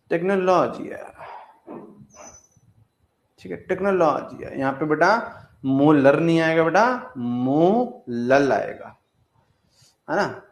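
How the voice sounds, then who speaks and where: A man's voice: medium pitch, reverberant. A man teaching chemistry in a classroom lecture, repeating himself and coaxing students, calling them "beta".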